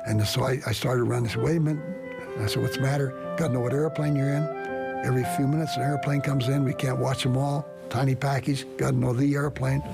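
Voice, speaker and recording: Older man, gravelly voice, earnest halting storytelling, archival clip, music playing underneath. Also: medium pitch, fairly even intonation. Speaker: veteran pilot telling a story.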